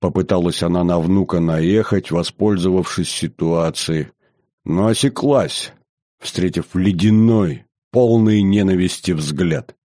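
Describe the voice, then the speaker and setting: A man reading a historical novel aloud in measured, even narration. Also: low voice, dry recording, studio quality. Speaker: audiobook narrator. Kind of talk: scripted narration.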